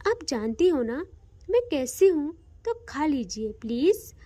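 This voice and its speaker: A woman voicing a confident, possessive young woman who speaks lower and firmly, coaxing and commanding in an audio story. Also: big pitch swings, slow pace, dark tone, no echo, exaggerated voice. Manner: commanding, coaxing, low and firm.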